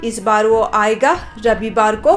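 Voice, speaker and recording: A woman's voice: on the high side, unhurried, faint music behind, pitched below the performer's own voice, close to an everyday voice. A woman voicing a worried, nagging older mother-in-law in a cartoon story. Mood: scolding. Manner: nagging, fretful, pleading.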